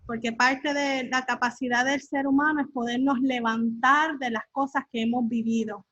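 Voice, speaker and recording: Earnest high-voiced woman on a call. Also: steady tone, moderate pace, fairly bright tone, no room sound, lo-fi sound. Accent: Latin American Spanish. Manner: earnest, with many fillers and tag questions. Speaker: workshop speaker.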